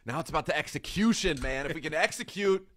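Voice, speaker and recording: A man's voice: fairly high pitch, animated, fast talker, a bit bright, pitched above the performer's own voice. A man playing a pumped-up coach who gives a locker-room speech and ends every phrase with "man".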